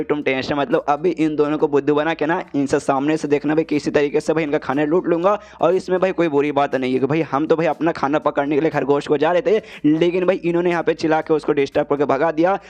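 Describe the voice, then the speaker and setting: A man narrating a casual story recap in a rapid, chatty, filler-heavy way. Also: a little high, darkish tone, lo-fi sound.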